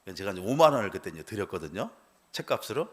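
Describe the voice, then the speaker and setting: A man's voice: lowish voice, very animated, very fast, fairly bright tone. A middle-aged male pastor telling a personal testimony in a church sermon, acting out the dialogue and laughing as he goes.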